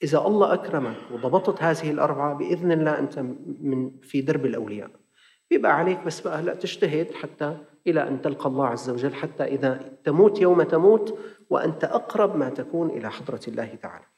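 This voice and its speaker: Man, Levantine Arabic accent, preacher, brisk animated storytelling, long echo of a big hall. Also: on the high side, vocal fry. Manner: animated storyteller acting out dialogue. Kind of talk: sermon lesson with storytelling.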